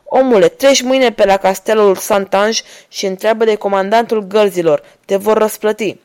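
A woman reading an audiobook, voicing a male officer who questions and gives orders in a loud authoritative way. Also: mid-range voice, clear, resonant tone, natural voice. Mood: commanding. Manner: barking, authoritative. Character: gruff male officer leading horsemen.

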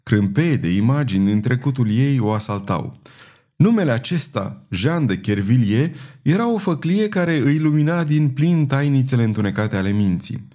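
A man narrates a historical novel in a steady, measured manner. His voice sits at an ordinary middle pitch, with a calm, even literary reading pace. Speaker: audiobook narrator. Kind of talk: scripted narration.

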